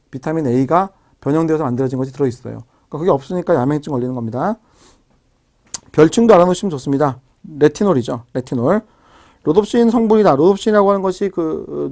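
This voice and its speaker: Quick, slightly high-voiced male teacher; drills terms by repetition and checks in with students. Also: a little mellow. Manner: explains step by step, repeats key terms, checks in with tag questions. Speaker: biology lecturer. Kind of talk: recorded exam-prep lecture.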